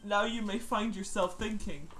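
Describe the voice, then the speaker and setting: A man's voice: sits high, moderate pace, a bit bright, a little hiss or hum. A man reading a bad horror story aloud in a mock-dramatic way, dragging out words and reading the punctuation. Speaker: reader of a creepy story.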